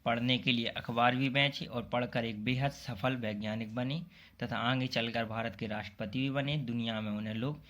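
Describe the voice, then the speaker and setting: A man's voice: mid-range voice, steady tone, moderate pace, a bit bright. Man casually explaining exam answers. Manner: plain explanatory talk, often addresses students directly. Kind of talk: casual exam-prep lesson.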